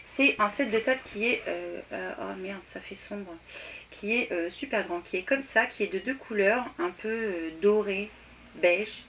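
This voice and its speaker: A woman's voice: mid-range voice, unhurried, fairly bright tone, a little hiss or hum. A woman chatting casually to camera about her decor haul, full of hesitations and self-corrections. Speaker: home decor haul vlogger.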